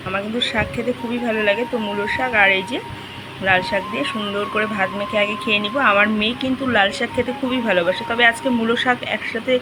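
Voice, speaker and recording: A woman's voice: a little high, low-quality recording. Chatty woman narrating her day. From Bengal. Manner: chatty, narrating her chores as she goes. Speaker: vlogger. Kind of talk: casual home vlog narration.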